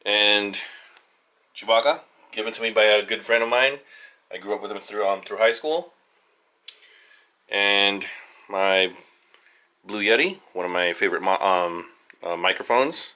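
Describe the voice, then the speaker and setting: A father hosting a family video channel, casually showing off his home studio in a halting, rambling way with lots of fillers and restarts. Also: fairly low pitch, sharp tone. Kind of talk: casual studio tour vlog.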